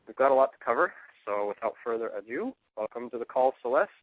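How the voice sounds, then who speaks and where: A man's voice: mid-range voice, animated, quick pace, no echo. Man hosting a phone interview, lo-fi sound. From New Hampshire. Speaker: podcast host.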